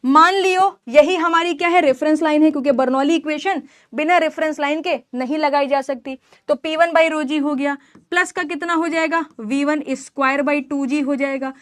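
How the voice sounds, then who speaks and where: High-voiced woman teaching engineering, dry sound. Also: moderate pace, a bit bright, no room sound. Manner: asks the class questions and answers them herself; teasing scolding asides to students. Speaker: engineering lecturer. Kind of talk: classroom lecture mixing Hindi and English terms.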